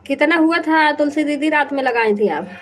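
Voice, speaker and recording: A woman's voice: sits high, moderate pace, fairly bright tone, a little hiss or hum, rough recording. A woman chatting casually on a live stream through an earphone mic, teasing and laughing often.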